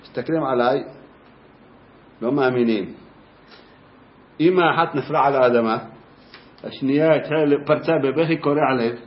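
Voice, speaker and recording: A man, a teacher, telling a personal story in a lively first-person way, briefly acting out the voices of the people in it. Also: medium pitch, pauses often. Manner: lively, acts out voices in his anecdote. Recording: roomy, dull lo-fi sound.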